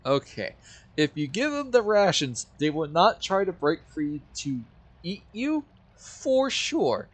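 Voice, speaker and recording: A man running a tabletop game as game master, playful and lively. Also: high-pitched, slow.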